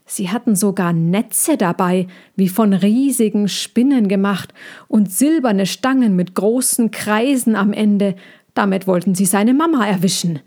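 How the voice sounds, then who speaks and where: Slow, measured woman reading a story. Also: mid-range voice, a little mellow. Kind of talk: reading a children's story aloud.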